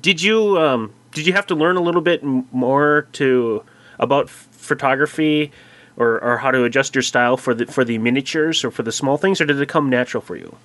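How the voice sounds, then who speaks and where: A man hosting a casual interview, easygoing and quick to laugh, asking loose, wandering questions. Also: medium pitch, fairly bright tone. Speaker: podcast host.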